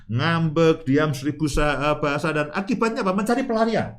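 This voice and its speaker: A man's voice: a little high, normal speed. A man co-hosting a show on marriage with his wife. He explains step by step, opens many lines with "nah," and laughs easily as he teases her. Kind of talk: instructive talk on marriage.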